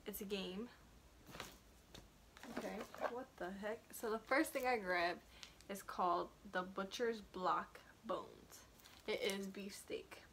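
A woman's voice: mid-range voice, slow pace, fairly bright tone. A young woman chatting casually as she unboxes a package, rambling and trailing off mid-sentence. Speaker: vlogger. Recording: noisy home recording.

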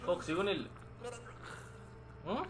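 A man's voice: high voice, animated, slow pace, a little hiss or hum. Jumpy, swearing man commentating a game. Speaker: gameplay commentator. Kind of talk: let's play commentary.

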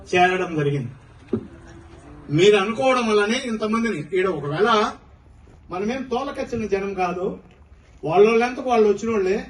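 A man giving a slow, emphatic speech at a community function. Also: high voice. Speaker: speaker at a community gathering. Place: large hall. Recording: echoey hall from far off.

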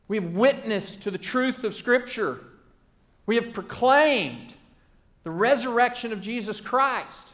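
A man preaching a sermon, earnest and rhythmic, building phrases by repetition and often letting them fall to a soft hush. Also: high voice.

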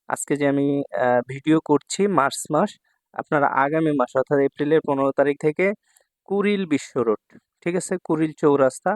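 A fairly high-pitched, slightly mellow male voice, recorded dry, leads a lesson on Japanese kanji. The Bangladeshi teacher repeats words often and regularly asks "ঠিক আছে?" to check in with his class.

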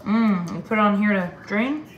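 A woman in her thirties vlogs casually to camera from home, moving through the kitchen and other rooms while thinking aloud in colloquial, mildly sweary language. Her voice is medium-pitched at a normal speed, and the audio sounds dull, with echoey rooms and clear background noise.

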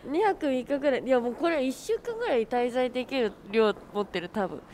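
A woman's voice: high-pitched, lively intonation, brisk, darkish tone, slight background noise. A woman live-streaming outdoors, chatting casually with her viewers and friends and laughing often. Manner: bubbly, greets chat, laughs often. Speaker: livestreamer.

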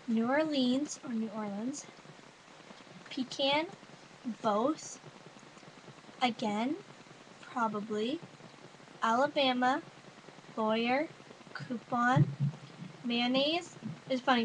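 A young woman from Ontario with a Canadian accent, chatting casually on a webcam and reading a word list, rambling with lots of "like" and "I don't know". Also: a little high. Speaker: vlogger. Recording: noisy webcam recording.

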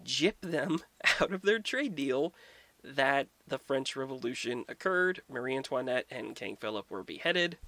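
A man's voice: medium pitch, animated, measured pace, pushed and bright, dry recording. A young man giving a casual, profane and sarcastic history rant as a vlogger.

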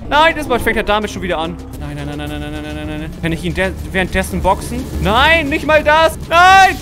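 A man doing let's-play commentary of a horror game, talking straight to his viewers, jumpy and quick to yelp and shout when startled. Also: a little high. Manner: keeps addressing viewers as friends. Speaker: gaming YouTuber.

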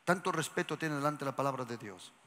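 Dramatic preacher in a reverberant hall. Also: male voice, medium pitch, animated, fast. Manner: dramatic, swings from hushed whispers to shouts; asks the congregation questions and has them repeat lines. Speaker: pastor. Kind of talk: lively sermon to a congregation. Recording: church hall with long reverb.

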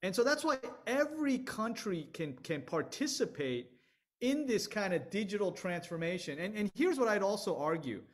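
High-voiced, energetic middle-aged man on a video call. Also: normal speed. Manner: energetic, emphatic, with frequent restarts. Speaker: venture capital panelist. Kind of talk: online panel discussion.

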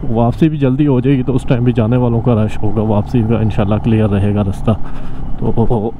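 A man talks casually into his helmet camera while riding through snow, circling back over his points. His pitch is average for a man. Road and wind noise run clearly underneath him. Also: little pitch movement. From Pakistan. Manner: chatty, repeats himself, fills pauses with "jo hai na". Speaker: motorcycle vlogger. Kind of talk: casual ride commentary. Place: riding a motorbike outdoors on a snowy mountain road. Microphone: helmet-mounted action camera. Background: traffic and wind.

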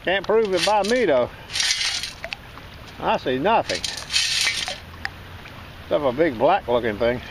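A man's voice: fairly high pitch, slow, pauses often, background noise. A man wading in shallow water on a beach, chatting casually while he hunts with a metal detector, recorded on a body-worn camera. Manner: relaxed, chatty, laughs often.

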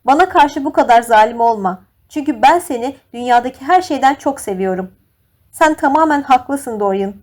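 A woman's voice: sits high, expressive, normal speed, darkish tone, pitched above the performer's own voice. A woman voicing a heartbroken young actress who pleads tearfully and imploringly with her lover. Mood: pleading.

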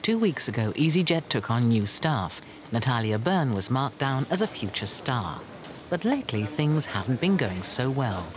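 A man's voice: medium pitch, sing-song, normal speed. A man reading scripted documentary narration. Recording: clear background location noise.

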